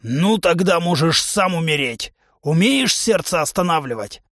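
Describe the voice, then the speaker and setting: A man's voice: fairly high pitch, lively intonation, a little slow, fairly bright tone, dry recording, clean studio sound. Male reader playing a blustering beast-man drill instructor for an audiobook, raised voice, barking orders. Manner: bellowing, blustering drill-sergeant delivery. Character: huge hot-tempered male musk-ox humanoid club trainer. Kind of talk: audiobook character voice.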